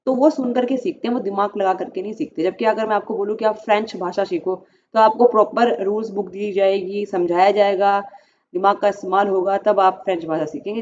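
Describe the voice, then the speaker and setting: A woman's voice: medium pitch, darkish tone. A woman teacher explains exam points, reading questions aloud and repeating key terms with frequent check-ins. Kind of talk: exam prep lesson, reading and explaining one-liners. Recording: muffled, distant home recording with faint noise.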